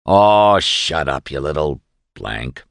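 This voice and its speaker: A man's voice: a bass voice, big pitch swings, slow, gravelly, no room sound, studio quality, voice pushed down, full character voice. An actor playing a callous, lazy young male doctor who sneers at a prisoner, in a storybook reading. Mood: sneering.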